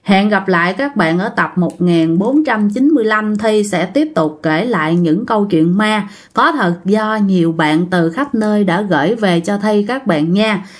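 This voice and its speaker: A woman telling ghost stories to her audience in a relaxed, chatty way. She keeps turning to address her listeners directly as she narrates. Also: mid-range voice, a little slow, few pauses. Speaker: ghost story host. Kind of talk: casual ghost story narration.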